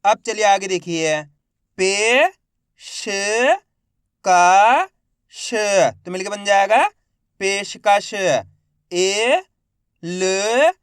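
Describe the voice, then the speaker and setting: A man teaching Hindi reading, sounding out each syllable loudly and then blending it into the word, encouraging his viewers as friends. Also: high-pitched, expressive, drawn-out words, long pauses, clean tone, dry recording, studio quality. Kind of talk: slow syllable-by-syllable reading lesson.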